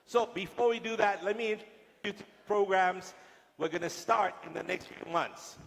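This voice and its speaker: A man's voice: high-pitched, moderate pace, vocal fry. A male guest lecturer speaking to police officers in a large lecture hall, joking with and teasing the audience. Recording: long hall reverb.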